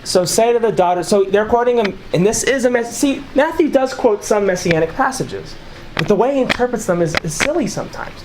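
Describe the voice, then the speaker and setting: Against a noisy background, a man with a high, expressive voice speaks a little fast while leading a small group's informal Bible study in a small room. He reads scripture passages aloud and explains them conversationally.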